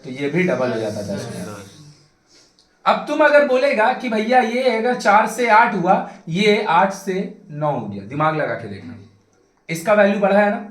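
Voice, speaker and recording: Male tutor from India, lively classroom delivery with swinging pitch, slightly high voice, echoey room. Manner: animated, coaxing students to pay attention; mixes English phrases into Hindi explanation. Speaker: math tutor. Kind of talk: classroom lesson.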